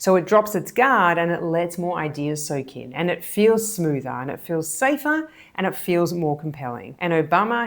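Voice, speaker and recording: A woman hypnotist and body language coach explaining speaking techniques in a measured, deliberate, emphatic way. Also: lowish voice. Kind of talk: explanatory video lesson.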